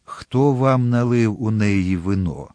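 A man's voice: lowish voice, slow, darkish tone, no room sound. A man doing a grave, brooding nobleman. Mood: stern.

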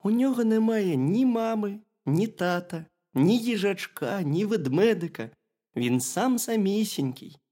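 A bright, high-pitched little hedgehog who keeps coaxing and reassuring his friend, his voice bouncing up and down with eager sympathy, as a storyteller puts him on. Loud, quick exclamations in a storybook style. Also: expressive, close to an everyday voice. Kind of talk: storybook reading.

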